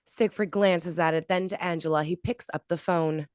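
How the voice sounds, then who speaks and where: A woman's voice: fairly low pitch, fairly even intonation, normal speed, clean tone, no echo, studio quality. A woman giving scripted narration, reading out stage directions at a table read.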